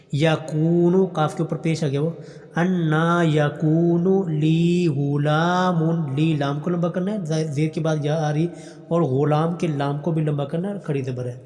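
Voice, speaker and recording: A man teaching a Quran recitation class sings each verse slowly and at length, then breaks off to explain the pronunciation in brisk, patient speech. His voice sits a little high for a man. A long reverb trails after his words. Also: fairly even intonation, mellow. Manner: patient, repeats and corrects.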